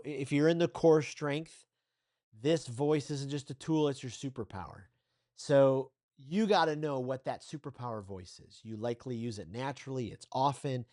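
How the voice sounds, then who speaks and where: A man's voice: mid-range voice, a little mellow. A man with a mid-range voice leads a recorded training lesson on communication. He talks straight to the viewer in a loose, conversational way, upbeat and encouraging throughout. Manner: loose and conversational, with fillers and restarts. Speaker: communication coach, course instructor.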